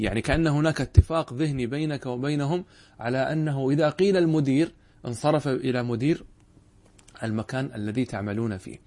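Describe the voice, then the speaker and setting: A man teaching a grammar lesson in a measured way. He repeats key points and often stops to check that his listeners understand. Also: medium pitch, a little mellow. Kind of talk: classroom lesson explaining a text.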